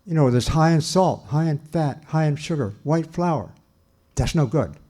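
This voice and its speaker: A man's voice: a little high, lively intonation, normal speed, warm tone. An older man giving a public lecture in a church, earnest and emphatic, repeating his key points and restarting sentences. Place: church hall.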